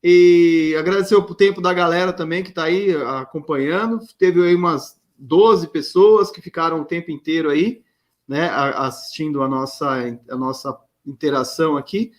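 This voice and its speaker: Brief: man, fairly high voice, relaxed friendly live-stream host. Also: moderate pace. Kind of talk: casual live-stream interview.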